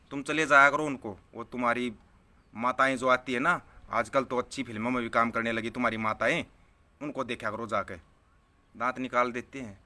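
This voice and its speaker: A man delivers an angry political rant straight to his audience. His voice is forceful and tense, heated and scornful. He hammers each point by saying it twice, at a middling pitch. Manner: scornful, heated, repeats phrases for emphasis. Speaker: political vlogger answering viewer comments.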